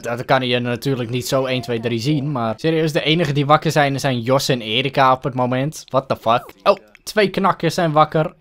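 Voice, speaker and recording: A man hosting a let's play video, reacting excitably to the game with swearing and laughter. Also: medium pitch. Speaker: gaming video host.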